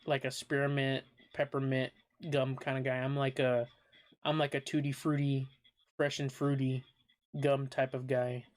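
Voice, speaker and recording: A man's voice: mid-range voice, monotone, a little slow. A young man hosting a casual podcast chat with friends, rambling and joking with casual swearing. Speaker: podcast host.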